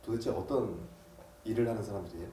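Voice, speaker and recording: A man's voice: lowish voice, quick pace. A man with a South Korean accent asking questions in a casual interview, recorded from a distance in a room. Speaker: interviewer off camera. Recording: distant roomy mic, faint background noise.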